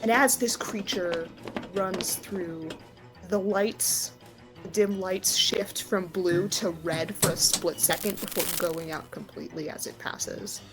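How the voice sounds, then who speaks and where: This rough recording catches a woman with a lowish, steady voice speaking slowly as she runs a tabletop roleplaying game. Music plays underneath while the game master improvises descriptive, conversational narration.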